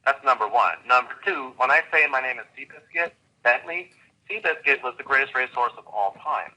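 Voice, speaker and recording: A man coaching a guest on a call, talking with lively enthusiasm and vivid imagery. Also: medium pitch, a little fast, rough recording. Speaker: host and coach.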